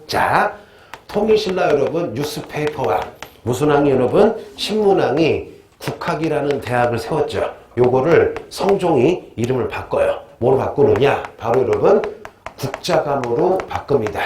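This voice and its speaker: A man teaching a history lecture in a lively, joking way, constantly quizzing his students. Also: a little high. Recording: echoey room, faint noise.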